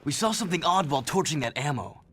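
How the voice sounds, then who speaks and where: A man's voice: on the high side, animated, quick pace, fairly bright tone. An actor playing a young, defiant male hero in a video game, speaking bluntly and intensely. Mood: suspicious. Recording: noticeable background noise.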